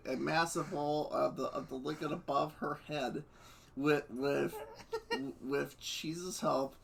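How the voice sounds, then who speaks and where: A man's voice: on the high side, creaky, a bit bright. A man reading fanfiction aloud, stumbling and stuttering over words and laughing between lines. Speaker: fanfiction reader.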